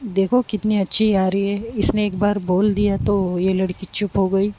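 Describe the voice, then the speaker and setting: A woman's voice: mid-range voice, flat delivery, moderate pace, warm tone, a little hiss or hum, close to an everyday voice. A woman voicing a young woman in a couple who mocks the others sarcastically. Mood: mocking. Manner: mocking.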